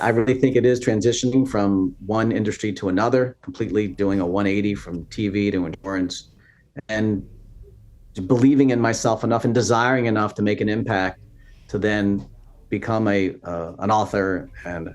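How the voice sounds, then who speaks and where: A man in his fifties speaks as a podcast guest, his voice sitting on the low side. He talks earnestly and in an inspirational way, in a relaxed interview manner. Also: normal speed. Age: 50s. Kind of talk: casual interview talk.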